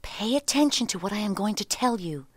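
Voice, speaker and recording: A resolute young heroine from a storybook, as a woman reader puts her on, her lines lifted higher and louder than the narration and full of lively rise and fall. The sound is dry and close, with no room around it. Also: fairly quick, slightly rough, dry recording. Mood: confiding. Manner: earnest, pleading, raised voice. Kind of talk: storybook reading.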